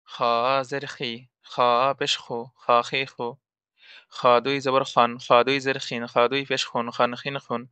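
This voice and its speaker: A man's voice: medium pitch, bright, forceful tone, clean tone, no echo. A man teaching Arabic letters for Quran reading, patiently repeating each sound drill-style.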